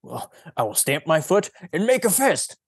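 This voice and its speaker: A man reading aloud and voicing a boastful, possessive man who claims everything he sees, in a loud, commanding, drawn-out voice. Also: a little high, sing-song, breathy edge, dry recording, clean studio sound, voice pushed up, exaggerated voice. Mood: insistent. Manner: bossy, loud and commanding, stretched slow words.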